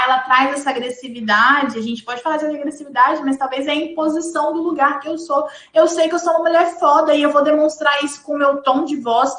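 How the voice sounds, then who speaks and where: A woman from in Brazil, speaking reflectively and in an even tone as a panelist in a live discussion. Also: sits high, reverberant. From Espírito Santo, Brazil.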